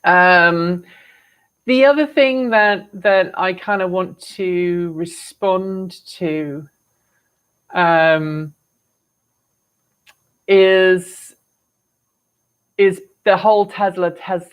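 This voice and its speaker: A woman's voice: on the low side, drawn-out words, pauses often. English woman chatting on a live stream, rambly, kinda exasperated, wry. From England. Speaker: host of an electric vehicle show. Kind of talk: casual live-stream chat answering comments.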